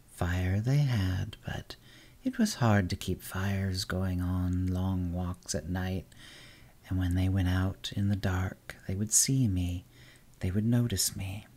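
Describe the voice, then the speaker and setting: Ancient will-o'-the-wisp spirit, hissing whisper, weary scorn, deep low tone, put on by a man. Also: mellow, slightly rough, heavily acted. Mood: bitter.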